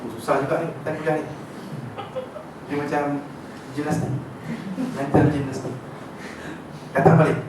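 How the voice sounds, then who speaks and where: A man with a Malaysian accent giving an informal religious lecture to a class, telling the story with lively energy and often checking that his listeners follow. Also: a little high, normal speed, long pauses. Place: lecture room with an audience. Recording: echoey room, distant mic, background noise.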